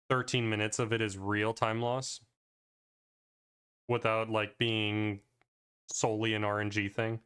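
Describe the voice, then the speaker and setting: A man's voice: mid-range voice, a bit bright, clear, resonant tone. A man casually reviewing his own speedrun, talking loosely with plenty of "like" fillers. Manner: rambling, loose, with frequent "like" fillers. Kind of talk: casual commentary over gameplay.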